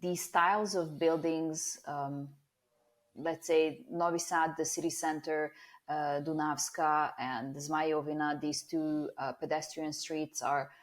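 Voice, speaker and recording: A woman from Vojvodina, Serbia, talks as an interview guest in a low voice. She pauses often on fillers and restarts her thoughts. Her delivery is casual and unhurried. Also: steady tone. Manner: hesitant, many fillers.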